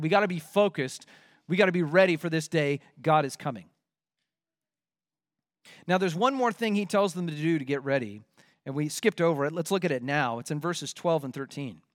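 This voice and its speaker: A man preaching a sermon, emphatic, slowing for quoted scripture and dropping quiet for weighty points. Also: high-pitched, dry recording, studio quality. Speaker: pastor.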